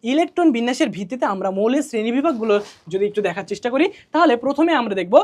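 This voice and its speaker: A woman teacher gives a colloquial exam revision lesson, drilling key answers by asking questions and repeating them. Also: on the high side. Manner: colloquial, chatty.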